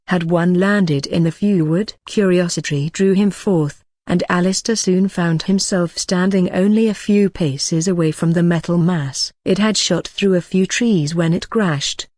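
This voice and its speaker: An audiobook narrator reading a fantasy novel with steady, even storytelling. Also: mid-range voice, unhurried, few pauses, no room sound, clean studio sound. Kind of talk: scripted narration.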